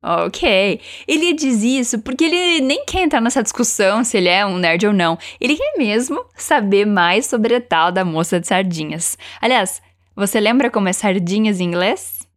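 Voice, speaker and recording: A woman teaching English, encouraging learners and slowing down to model each phrase for them to repeat. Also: mid-range voice, lively intonation. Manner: encouraging, slows down to model pronunciation. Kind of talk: language lesson with repeat-after-me drills.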